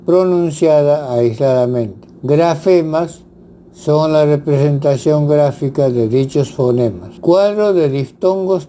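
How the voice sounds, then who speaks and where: A man teaching grammar, reading lists of example words in a measured, deliberate way. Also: a little high, dark tone, a little hiss or hum. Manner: measured, spells out examples one by one. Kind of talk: slow instructional reading.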